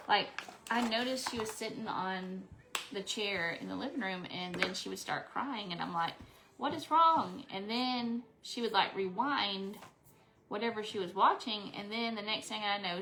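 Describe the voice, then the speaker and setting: A craft vlogger in her forties chats casually to camera as she paints, rambling and talking to herself while she works. Her voice is medium-pitched at a moderate pace, with background noise present.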